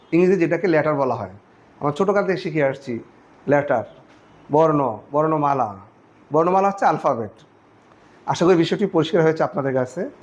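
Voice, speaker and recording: Guy teaching grammar, pretty high voice, counts out syllables slow and step by step. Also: a little mellow. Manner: explains step by step, counts syllables slowly aloud. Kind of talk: grammar lesson.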